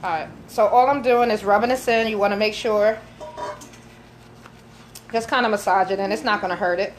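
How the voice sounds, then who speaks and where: A chef and caterer gives a live cooking demonstration in an indoor home kitchen, filmed on a phone camera. Her medium-pitched voice stays steady in tone and moves fairly quickly. She's chatty and instructive, and jokes around with her helpers.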